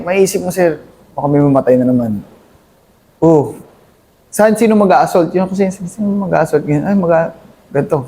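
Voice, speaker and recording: A thirties army captain, appearing as an interview guest, earnestly recounts combat in a conversational war recollection. His voice sits on the high side with a warm tone, and he tells the story haltingly, restarting often and deferentially calling his host "sir" in nearly every phrase.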